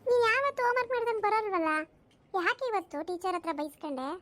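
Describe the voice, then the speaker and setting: Chatty cartoon schoolgirl friend: sympathetic, lively, very high. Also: fast talker. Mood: caring. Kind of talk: cartoon voice acting.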